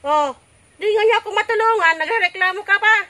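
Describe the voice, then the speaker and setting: In an amateur short film's naturalistic family drama, an actor plays an overworked, exasperated village mother, kvetching and nagging through long, repetitive complaints. Her voice is high-pitched, bright and pushed, holding a steady tone at a moderate pace.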